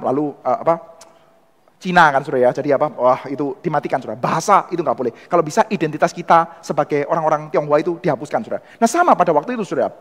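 A man with a Surabaya accent giving an animated church history lecture, who keeps calling his listeners "Saudara". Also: fairly high pitch, long reverb tail. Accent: Surabaya Indonesian. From Indonesia. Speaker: theology lecturer.

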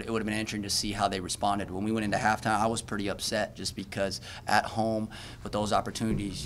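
Man, 30s, coach at a podium mic. Low-pitched, earnest, trips over and restarts lines, faint hiss behind. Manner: earnest, self-correcting, many restarts. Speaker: basketball coach. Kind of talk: postgame press conference answers. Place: press room at a podium.

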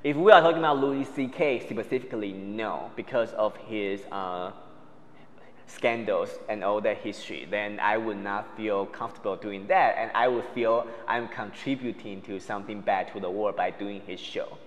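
A man's voice: lowish voice, normal speed, in a large hall, slight background noise. A man in his thirties, a stand-up comedian, speaking emphatically in a documentary interview on a lapel mic.

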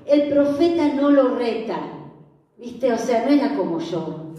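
A woman pastor with a Rioplatense Argentine accent preaches in a slow, chatty way, often turning to her listeners with questions. Her voice sits a little high. She is heard from a distance, with strong echo around her. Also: animated, warm tone. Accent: Rioplatense Spanish. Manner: conversational, asks the audience questions. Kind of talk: sermon. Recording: echoey room, voice from far off.

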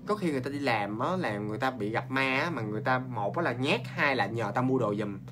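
A man with a Southern Vietnamese accent, hosting a ghost story show in a chatty, animated way and talking straight to his viewers. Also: medium pitch, noisy background. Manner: animated, talks straight to viewers, quick asides and laughs.

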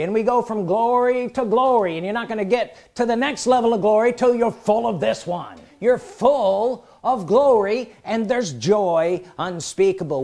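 A preacher delivering a sermon, often stopping to ask the congregation questions. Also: mid-range voice. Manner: animated, calls out questions to the congregation.

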